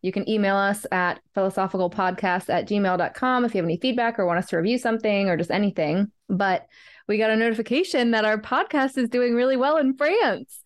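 A woman's voice: mid-range voice, brisk. A young woman co-hosting a podcast in casual chat, upbeat and talkative, laughing often. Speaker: podcast co-host.

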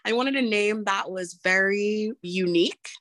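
A woman's voice: medium pitch, measured pace, fairly bright tone, no echo. Earnest woman business owner chatting in an interview, repeats herself, dead dry audio. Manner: earnest, repeats points, laughs often. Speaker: entrepreneur and nurse, interview guest. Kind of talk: casual interview answers.

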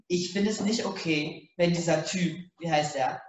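A man voicing a sharp, bossy young woman roommate who talks in a cutting, accusing way, read in an audiobook. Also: a little high, measured pace, natural voice. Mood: indignant. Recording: very echoey room.

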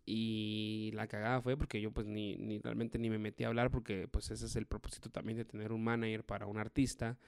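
A man, a stand-up comedian telling a story in a profane, animated way. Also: fairly low pitch, a little fast, hardly any pauses, smooth, no room sound, clean studio sound. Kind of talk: storytelling monologue.

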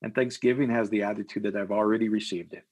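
Pastor, man from Iowa, low husky voice, preacherly and repetitive. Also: fast talker. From Iowa, USA. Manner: energetic, preacherly, repeats phrases for emphasis. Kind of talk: podcast interview, leading a prayer.

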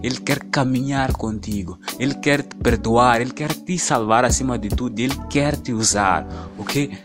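A man preaching a casual podcast sermon, stacking short repeated phrases and slowing right down to lead a prayer. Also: mid-range voice, over music.

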